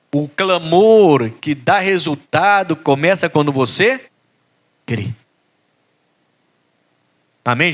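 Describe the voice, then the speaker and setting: Brazilian pastor guy preaching, high bright voice, acts out the bible people, gets loud and pleady. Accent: Brazilian Portuguese. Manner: dramatic, acts out biblical voices, rising to pleading cries. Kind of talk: sermon.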